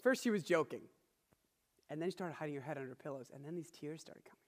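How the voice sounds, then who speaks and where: A man's voice: on the high side, animated, fast. A man in his thirties preaching a sermon, telling a family story in an earnest, conversational way with frequent restarts. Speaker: pastor. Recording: long hall reverb.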